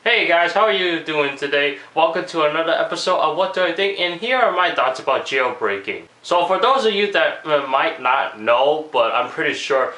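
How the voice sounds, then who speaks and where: A man's voice: fairly high pitch, expressive, moderate pace, hardly any pauses, sharp tone, reverberant, poor audio. A man with a cold and a cracking voice, rambling casually through a video commentary with lots of fillers. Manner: rambling, many fillers and restarts. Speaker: tech vlogger.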